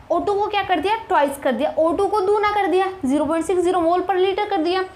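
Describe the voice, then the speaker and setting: Her voice high and youthful, a woman leads an online chemistry class and breaks every problem into steps. She refers to the students as kids, tosses out rhetorical questions, and keeps reassuring them.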